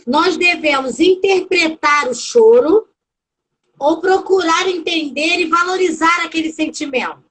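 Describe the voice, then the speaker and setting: A woman's voice: very high voice, measured pace, a bit bright, poor audio. A woman interviewing a guest over a video call, asking plain questions and cutting in mid-answer.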